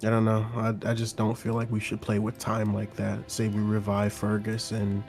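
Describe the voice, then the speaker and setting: A man playing a tabletop game, talking casually in a hesitant, halting way. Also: fairly low pitch, monotone, darkish tone, faint music behind. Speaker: player.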